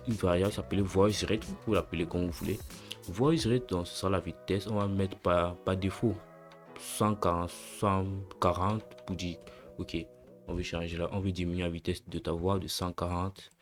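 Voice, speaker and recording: A young man hosting a casual coding tutorial, relaxed and slangy, talking through each step aloud and correcting himself as he goes. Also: sits low, normal speed, faint music behind.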